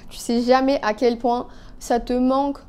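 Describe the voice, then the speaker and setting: A Canadian beauty vlogger in her twenties chats casually while doing her makeup, talkative and full of fillers and asides. Her voice is fairly high, mellow and clean, with a flat delivery at normal speed. It was recorded on a phone.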